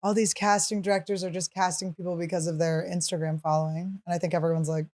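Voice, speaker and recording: A woman in her thirties hosts a casual podcast, cracking jokes and tossing off quick asides. Her voice sits a little low for a woman, and she fills her talk with "like.". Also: flat delivery, a little mellow. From Philadelphia. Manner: joking, quick asides, frequent "like". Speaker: podcast host.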